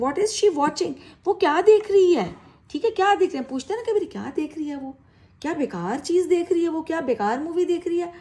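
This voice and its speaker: A woman's voice: sits high, warm tone. A woman teaching spoken English, encouraging her learners and repeating example sentences with a questioning tone.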